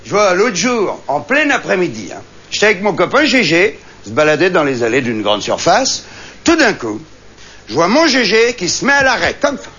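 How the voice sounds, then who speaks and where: A man's voice: high-pitched, wildly swooping pitch, normal speed. A man performing a comic monologue as a boastful, chatty storyteller on stage. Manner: boastful hunting-and-fishing bragger, chatty, colloquial. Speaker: stand-up comedian. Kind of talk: comic monologue to a live audience. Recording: dull live recording with loud audience. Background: audience laughter.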